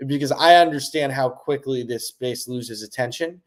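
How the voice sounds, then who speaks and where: A young man co-hosting a casual chat, excitable and rambling, stressed, swinging from low mumbles to loud bursts. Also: normal speed. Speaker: podcast co-host.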